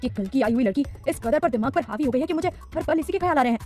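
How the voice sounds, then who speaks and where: A woman's voice: high-pitched, lively intonation, rapid-fire, mellow, faint music behind. A woman voicing a cocky, womanizing young man with a brash manner in an audio story. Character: arrogant womanizing young playboy.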